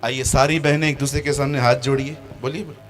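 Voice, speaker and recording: A man's voice: mid-range voice, flat delivery, quick pace, soft background music. A man preaching a sermon as pastor in a church meeting, joking with the congregation and mimicking its members.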